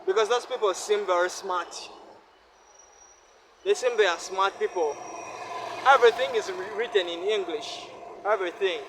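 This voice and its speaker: Speaking at a moderate pace with long pauses, this Luganda-speaking vlogger from Uganda has a voice that sits high. He records an earnest, defiant, repetitive monologue on a city street as traffic and street sounds carry on behind him.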